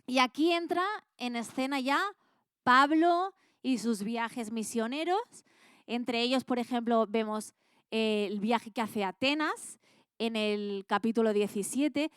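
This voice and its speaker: A woman's voice: a little high, measured pace, a bit bright, clean tone, no echo, studio quality. A woman with an accent from Spain, teaching a Bible class in a casual, colloquial way and quizzing her students with questions.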